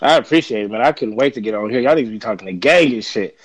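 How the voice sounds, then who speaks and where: A man's voice: mid-range voice, animated, quick pace, slightly rough, no echo, rough recording. A man from Los Angeles as a podcast guest, ranting profanely about players he hates and repeating himself. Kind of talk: casual sports chat.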